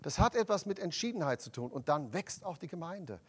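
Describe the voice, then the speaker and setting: A man preaching a sermon, emphatic and rising to loud proclamations of scripture. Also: a little high, very animated, brisk, breathy edge.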